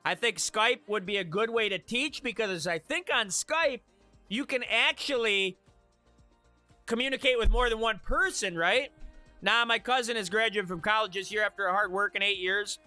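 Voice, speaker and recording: A man's voice: high voice, moderate pace, bright, forceful tone, soft background music. A man from Michigan chatting casually with viewers on a live stream, joking and laughing at his own remarks.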